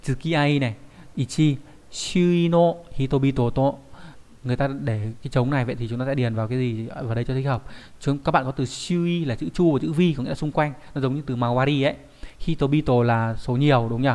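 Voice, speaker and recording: A man's voice: medium pitch, fairly even intonation, fairly quick, darkish tone. A young adult man teaching a Japanese vocabulary lesson, explaining patiently and often checking in with rhetorical tag questions.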